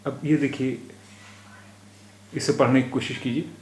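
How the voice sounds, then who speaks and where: Male teacher, slow and patient, spells out and repeats words, echoey room, even mid pitch. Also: a little hiss or hum. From India. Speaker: language teacher.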